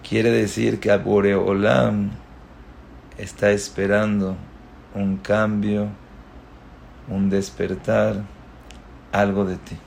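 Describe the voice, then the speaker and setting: Gravelly man preaching. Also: fairly low pitch, level tone, slow, long pauses, a little hiss or hum. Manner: storytelling, swings from loud exclamations to hushed asides. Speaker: rabbi giving a Torah talk. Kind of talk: religious lecture.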